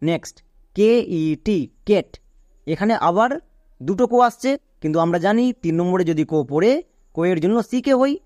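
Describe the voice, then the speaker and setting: High-voiced man teaching step by step. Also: animated, a little mellow, dry recording, clean studio sound. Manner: patient, step-by-step explaining with repeated rules; spells words out slowly letter by letter. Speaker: English teacher. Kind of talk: online phonics lesson.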